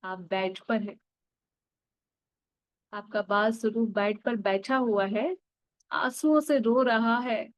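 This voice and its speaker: A woman guiding an inner child healing meditation, speaking softly and gently straight to the listener. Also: a little high, dry recording. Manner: soft, slow and gentle, addressing the listener directly. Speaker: meditation guide.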